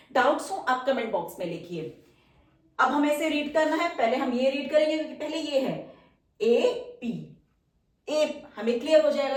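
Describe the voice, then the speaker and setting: A woman teaching shorthand at a whiteboard, patiently walking through each example and answering her own questions. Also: sits high. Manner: patient, repeats key terms, asks and answers own questions. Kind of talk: whiteboard lesson explaining step by step. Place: room with a whiteboard. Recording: echoey room, far from the mic.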